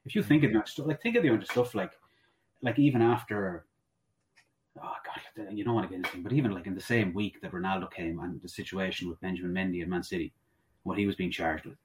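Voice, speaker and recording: A man from the west of Ireland with the accent to match and a fairly low voice. He talks in a casual discussion style, hesitating and rewording his thoughts as he rambles along. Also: quick pace, rough recording. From Sligo, west of Ireland. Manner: hesitant, rambling, self-correcting.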